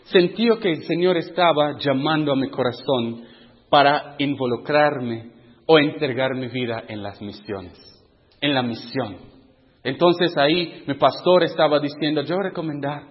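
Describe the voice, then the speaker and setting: High-voiced man preaching in an echoing hall. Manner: conversational, asks the audience questions, acts out his own inner dialogue. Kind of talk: testimony sermon to youth. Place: church hall with a youth group. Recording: muffled sound with long hall reverb.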